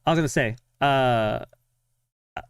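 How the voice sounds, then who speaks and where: A man's voice: medium pitch, clean tone, dry recording, clean studio sound. A young man chatting casually on a live stream while following a game, talking to himself and his viewers. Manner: chatty, self-talking, sighs of frustration and quick laughs.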